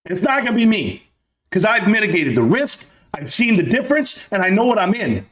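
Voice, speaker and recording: A man with a notably high voice launches into an escalating comedic rant. He speaks as an online video commentator, addressing his targets directly. His delivery is combative and emphatic, full of taunts and swearing. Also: sing-song, fairly quick, fairly bright tone.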